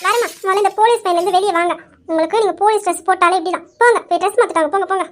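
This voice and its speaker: A woman's voice: very high-pitched, racing, slight background noise. A woman voicing a sweet-talking young wife in an amateur family drama, pleading, coaxing and teasing her husband.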